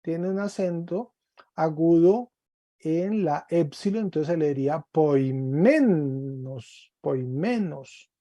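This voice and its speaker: A man's voice: fairly high pitch, slow, warm tone, dry recording, dull audio. A man teaching a Greek class online, patiently drilling word forms and encouraging his students.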